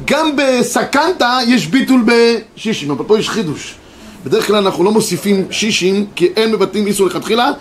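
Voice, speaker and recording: High-voiced rabbi teaching a class. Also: male voice, animated, a little hiss or hum. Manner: explains, reads sources aloud, checks in with students. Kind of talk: Torah class lecture. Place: classroom with students.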